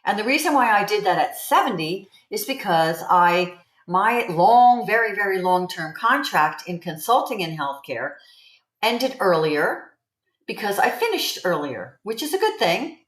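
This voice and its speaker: Chatting with livestream viewers about making money online, this woman in her 70s rambles and repeats key phrases. She speaks a little slowly in a sing-song, mid-range voice with a fairly bright tone, and the room echoes.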